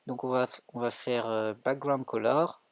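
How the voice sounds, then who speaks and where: A man's voice: mid-range voice, fairly even intonation, a little slow, dry recording. A man with a French accent teaching a live coding tutorial, thinking aloud with many fillers and self-corrections. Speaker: coding instructor streaming.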